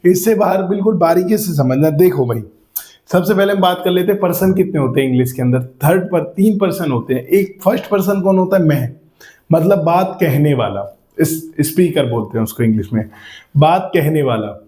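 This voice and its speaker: A man teaches a grammar lesson in a classroom, with a high, mellow voice. He explains by asking the class questions and repeating simple examples. The room is echoey. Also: expressive, brisk.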